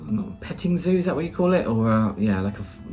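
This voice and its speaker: Faint music runs behind a fast, sing-song, mid-range voice with a darkish tone. The speaker is a man from Britain in his thirties with a British English accent, chatting casually on a vlog and doing voice-over narration in a small plain room. He rambles, with many "uh"s and restarts.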